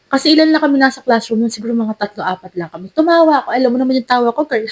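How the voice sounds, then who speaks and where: High-voiced, animated woman telling a story. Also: rapid-fire. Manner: animated, lively storyteller who acts out quotes. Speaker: podcast co-host. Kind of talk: casual storytelling chat.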